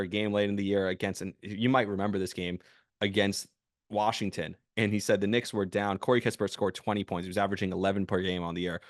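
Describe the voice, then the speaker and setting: A man hosting a sports podcast, delivering an opinionated, emphatic monologue in a casual way that builds into loud bursts. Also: on the low side, no room sound, clean studio sound. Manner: casual with fillers and restarts.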